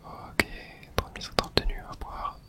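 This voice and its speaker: Someone whispers relaxed, hushed ASMR commentary at a moderate pace while playing a video game. The voice is breathy, and they seem to be thinking out loud.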